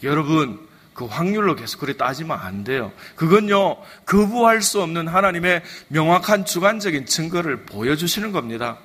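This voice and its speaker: A man's voice: a little high, animated, normal speed, a bit bright. A man preaching a sermon as pastor, telling a story and throwing rhetorical questions at the congregation. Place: church sanctuary. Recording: reverberant church hall.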